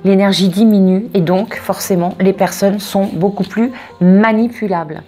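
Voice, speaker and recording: A woman reading oracle cards and giving spiritual guidance in a casual, expressive way, wandering off into asides and repeating words for emphasis. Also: mid-range voice, moderate pace, faint music behind. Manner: expressive, digressive, emphatic repetitions. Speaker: oracle card reader.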